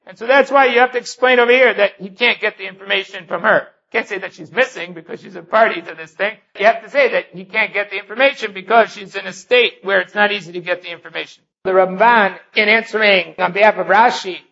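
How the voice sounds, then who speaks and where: A man's voice: high voice, fast, vocal fry, few pauses, sharp tone, highs cut off. A man teaching a Talmud lesson, reading each Aramaic phrase and then explaining it step by step. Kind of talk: Talmud study lecture.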